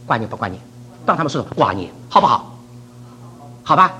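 A man's voice: mid-range voice, sing-song, fairly quick, pushed and bright, a little hiss or hum. An older man from China preaching a sermon, laughing often and mixing English words into his talk.

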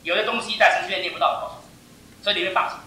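An older man preaching a sermon to his church, emphatic and animated, pressing each point home with "I tell you.". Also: high voice, rapid-fire. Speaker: pastor. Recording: echoey hall, mic far off.

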